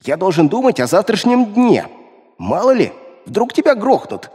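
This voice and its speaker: A man's voice: high voice, big pitch swings, normal speed, darkish tone, husky, big-room sound, pitched above the performer's own voice, heavily acted. A man voicing a greedy, foul-mouthed male imp spirit that whines and demands in a storybook reading. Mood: grumbling. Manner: whiny, cursing, demanding.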